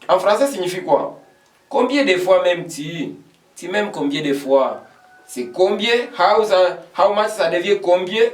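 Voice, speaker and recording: Male teacher, high-ish voice, far from the mic in a roomy space, patient and repetitive. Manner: patient, repeats phrases many times, checks understanding. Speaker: English teacher. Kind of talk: classroom lesson explaining English in French. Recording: echoey room, voice from a distance.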